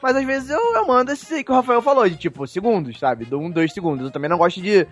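A man's voice: high voice, expressive, fast, soft background music. A man co-hosting a casual podcast chat, rambling with frequent stammered restarts. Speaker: podcast co-host.

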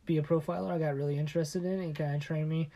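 A man co-hosting a casual chat podcast, telling stories in a halting way full of restarts and often dropping his voice low and conspiratorial. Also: fairly even intonation, mellow. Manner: halting storyteller with many restarts. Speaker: podcast co-host.

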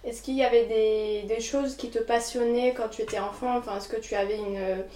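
A woman co-hosting a podcast interview, asking halting, searching questions. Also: fairly high pitch, fairly even intonation, dark tone, reverberant, far from the mic, a little hiss or hum. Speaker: co-host.

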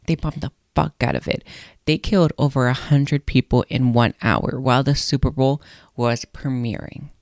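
A woman's voice: rumbling low, normal speed, no room sound. Chatty young woman podcaster, dry sound. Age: young adult. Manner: chatty, blunt, swears freely. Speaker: podcast host. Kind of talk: casual solo podcast chat.

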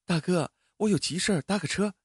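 A cool-headed young woman in her twenties speaks lightly and confidently in a raised, lively voice, as a male narrator puts her on. She is sure of herself and unbothered. The sound is dry and close. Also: fairly high pitch, fairly quick, husky, no room sound, pitched above the performer's own voice. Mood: breezy. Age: 20s. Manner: breezy, self-assured. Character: calm, confident young woman driving instructor.

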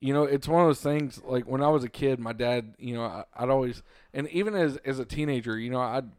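A middle-aged man co-hosting a casual podcast, telling stories in an animated way and calling his friend "bro" and "dude" a lot. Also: medium pitch, brisk, smooth, no echo, clean studio sound. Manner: animated storytelling, says "bro" and "dude" often. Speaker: podcast co-host. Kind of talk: casual chat.

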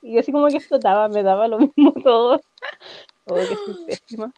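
A woman's voice: fairly high pitch, lively intonation, a little fast, warm tone. A young woman with a Chilean accent chatting casually as a podcast co-host, telling stories animatedly and acting out her own quotes. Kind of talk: casual chat.

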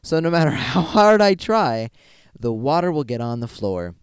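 A young man in college hosts a casual podcast, rambling about his life and laughing at himself. His voice is smooth and clear, and his pitch moves a lot. It is recorded dry and close. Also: very animated, moderate pace, no echo. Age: young adult. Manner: giggly, rambling, self-deprecating. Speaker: podcast host. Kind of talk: casual chat.

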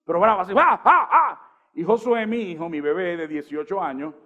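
High-voiced preaching man. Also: a little fast, muffled recording. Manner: lively preaching with rhetorical questions. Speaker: pastor. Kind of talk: sermon.

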